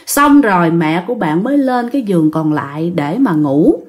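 A woman's voice: on the low side, normal speed. A woman with a Southern Vietnamese accent telling a ghost story in a casual way, talking straight to her listeners. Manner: animated, addresses listeners directly.

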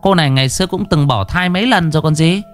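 A man voicing a boastful, sharp-tongued older female shaman who talks in a shrill, bossy way. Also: fast, soft background music, lightly acted. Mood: knowing.

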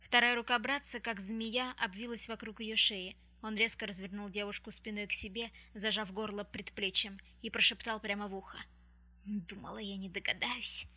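Woman audiobook narrator, steady delivery, bright, dry close sound. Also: mid-range voice, moderate pace, few pauses, no echo. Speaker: audiobook reader. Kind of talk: scripted narration.

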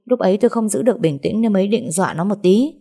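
A woman's voice: mid-range voice, animated, quick pace, warm tone, husky, pitched above the performer's own voice. A woman voicing a drunk, lecherous older male sales manager who blusters and then grovels, stammering through fillers. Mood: accusing.

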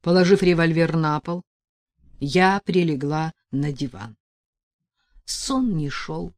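Low-voiced woman narrating a story. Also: slow, darkish tone, no echo, clean studio sound. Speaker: audiobook narrator. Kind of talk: first-person story narration.

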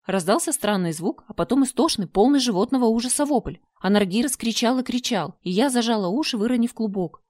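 A woman's voice: a little high, lively intonation, fairly quick, hardly any pauses, darkish tone, no room sound. Woman narrating an audiobook, dry sound. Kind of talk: first-person audiobook narration.

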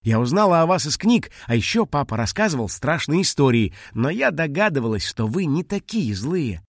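A man reading an audiobook and voicing a gentle, quick-witted little girl in a high, soft voice. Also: sing-song, dry recording, clean studio sound. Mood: earnest. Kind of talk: audiobook character voice.

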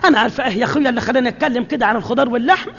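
A man's voice: very high-pitched, gravelly, fairly bright tone, exaggerated voice. A man playing a nosy, fussy Egyptian housewife who talks nonstop, in an old radio comedy sketch with an Egyptian accent. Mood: rattling chatter. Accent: Egyptian Arabic. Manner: rapid, rambling, scolding nonstop talk. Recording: dull archive radio recording.

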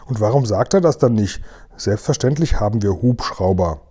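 A man's voice: on the low side, expressive, normal speed, warm tone, slightly rough. Indignant old air force general a man puts on, stiff and huffy.

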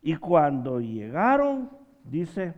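Speaking very slowly, with wildly swooping pitch in a fairly high voice, a man delivers a sermon on a muffled recording. He keeps asking the congregation rhetorical questions ending in "¿verdad?" and slips in funny asides.

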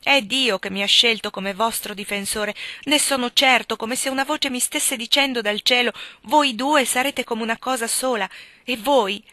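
Brief: woman voicing a pleading, impassioned gentleman suitor, audiobook, bright forward tone. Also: on the high side, moderate pace, no room sound, pitched above the performer's own voice. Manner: impassioned, insistent, rising to loud outbursts. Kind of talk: audiobook reading.

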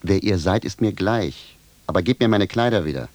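A blunt peasant shoemaker in a 1970s radio play, bewildered and gruff as he demands answers. His voice is very low, with lively swings in pitch, and it sits close in a dry recording. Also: moderate pace, no room sound. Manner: gruff, plain-spoken, indignant. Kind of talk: 1970s radio drama acting.

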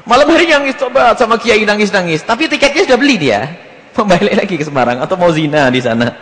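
Pengkhotbah pria bersuara tinggi dan hidup. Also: male voice, sits high, fast, long reverb tail, poor audio. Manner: animated, acts out dialogues and jokes. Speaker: Islamic preacher answering questions. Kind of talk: sermon answering a question.

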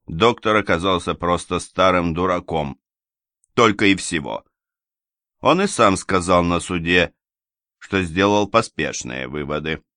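A man voicing a haughty, scornful noblewoman landowner who sneers and shouts in defiance. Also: unhurried, dry recording, clean studio sound. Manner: sneering, shrill outbursts.

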